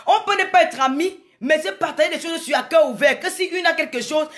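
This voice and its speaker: A woman's voice: very high-pitched, brisk, fairly bright tone. A woman from Cameroon, giving an impassioned live monologue to her viewers, repeating her phrases for emphasis and greeting commenters by name. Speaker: live streamer talking to viewers.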